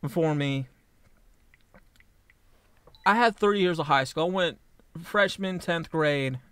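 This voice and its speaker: On the high side, with a fairly bright, clean tone and a dry recording, a man in his late 20s rambles through a casual personal vlog. Blunt and free with swearing, he's halting and frequently restarts sentences.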